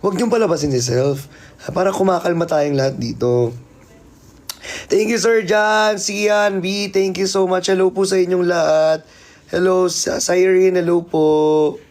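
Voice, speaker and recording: A man's voice: high-pitched, normal speed, a little mellow. A man hosting a casual live stream, playfully teasing and thanking viewers by name. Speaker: livestreamer.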